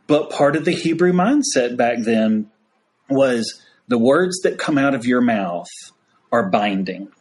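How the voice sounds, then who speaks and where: A priest from the United States, appearing as a podcast guest, tells a story in a casual, folksy way, saying "y'all" frequently. His medium-pitched voice is animated and unhurried.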